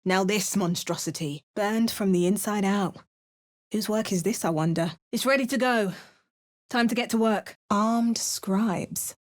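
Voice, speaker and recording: For a parody game, a woman takes on the role of a wry, dramatic female adventurer, using an exaggerated mock Cockney accent and theatrical, hammy spell chants. Her mid-range voice sounds natural and runs a little slow.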